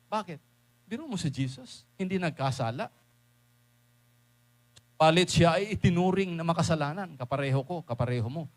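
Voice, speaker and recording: A man with a Filipino accent preaching a sermon, swinging from hushed asides to loud exclamations and mixing English phrases into his talk. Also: on the high side, animated, normal speed, pauses often.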